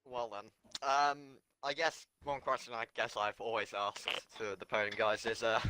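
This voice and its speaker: A man co-commentating a sim race, out of breath and stunned, speaking in halting phrases. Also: fairly low pitch, little pitch movement, background noise. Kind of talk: post-race esports commentary.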